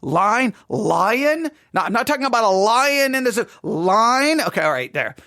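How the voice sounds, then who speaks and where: Middle aged guy w/ west texas twang preaching teaching, real animated pitch swings, dry close sound. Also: brisk, no room sound. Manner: emphatic repetition and rhetorical questions. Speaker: pastor speaking at a conference. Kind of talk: seated teaching talk on preaching.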